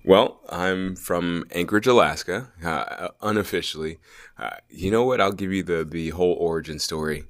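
A man's voice: low-pitched, moderate pace, no echo, studio quality. A man playing himself as a podcast host in a put-on British accent, speaking playfully with many filler words. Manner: playful, with self-conscious laughs and filler words. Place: fitness company studio.

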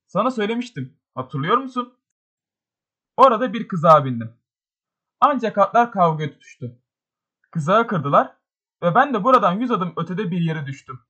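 Bir adam, telaşla gevezelik eden genç bir sosyete hanımını seslendiriyor. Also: male voice, sits high, sing-song, moderate pace, long pauses, a bit bright, heavily acted. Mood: flustered. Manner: breathless, chattering excuses. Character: flustered young society lady.

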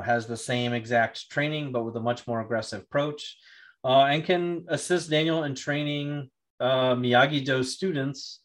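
A man speaking to camera in a relaxed vlog style, thinking aloud. His speech wanders, full of fillers and restarts. His voice sits at an ordinary middle pitch. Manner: rambling, hesitant, many fillers and restarts. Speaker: YouTuber reviewing a TV series. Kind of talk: casual spoken vlog commentary.

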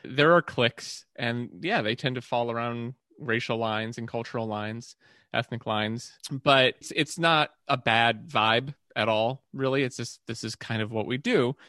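A man reporting on baseball, speaking on a panel in a low-key, matter-of-fact way. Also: unhurried, sharp tone, dry recording, clean studio sound. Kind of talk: discussion.

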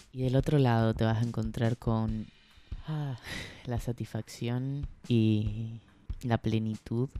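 A man hosting a podcast, speaking in a gentle, unhurried, encouraging way in a reflective casual monologue. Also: medium pitch. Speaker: podcast host.

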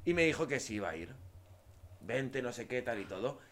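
A man's voice: medium pitch, big pitch swings, fairly quick, a bit bright. A young man telling a personal story in a casual chat, laughing often and acting out the lines he quotes. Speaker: podcast co-host.

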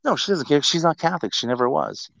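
A middle-aged man hosting a podcast, telling stories casually and comically in a sweary, self-mocking, animated way. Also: fairly high pitch, fast, gravelly, dry recording. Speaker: podcast host.

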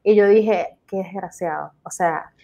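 A young adult woman with a Venezuelan accent, co-hosting a casual podcast chat and telling animated stories, acting out the lines people said to her. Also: lowish voice, unhurried, creaky, low-quality recording. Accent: Venezuelan Spanish. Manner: animated storytelling, acts out quoted lines. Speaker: podcast co-host.

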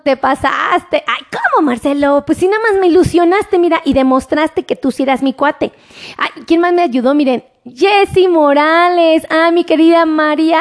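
A woman doctor with a Mexican Spanish accent chats casually on a live stream, thanking viewers by name and slowly dictating phone numbers. Her voice is high.

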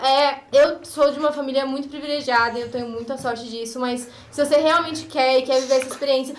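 A woman's voice: high voice, steady tone, quick pace. A young woman, chatting casually and encouragingly as a podcast guest. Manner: chatty, encouraging, uses filler words. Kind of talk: casual chat. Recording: roomy studio echo with faint noise.

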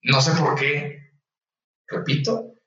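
A young Mexican man, a medical student, telling a story casually and lively, acting out the voices of the people in it. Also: medium pitch, slow, recorded from a distance. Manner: animated, acts out voices in anecdotes. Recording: echoey room, voice off-mic, slightly dull.

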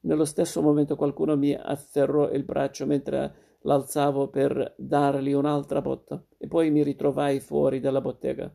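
A man narrating a literary short story in a steady, measured reading. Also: medium pitch, vocal fry.

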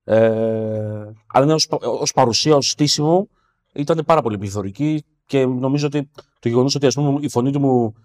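A man co-hosting a casual film discussion podcast, thoughtful, restarting sentences with fillers and often trailing off quietly. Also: mid-range voice. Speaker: podcast co-host.

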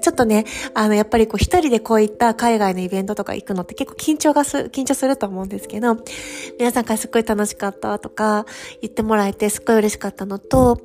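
A woman's voice: a little high, a little mellow. A woman hosting a solo podcast as a coach, chatting to her listeners in a conversational, encouraging way. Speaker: podcast host and France study-abroad career coach.

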